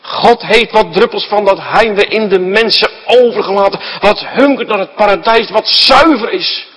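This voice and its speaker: A man's voice: high voice, normal speed, fairly bright tone, slightly rough, big-room sound, poor audio. A man preaching a sermon in a church, emphatic and firing rhetorical questions at his listeners.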